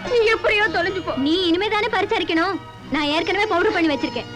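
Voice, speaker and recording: A woman's voice: very high voice, fast. An actress playing a headstrong young village woman who talks back sharply in a film scene. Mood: threatening. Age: young adult. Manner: defiant, sharp-tongued. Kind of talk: film drama acting. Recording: film soundtrack with loud music.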